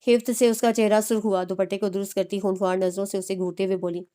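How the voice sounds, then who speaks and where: A woman narrating a romance novel in a steady, expressive reading style. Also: medium pitch, quick pace, smooth.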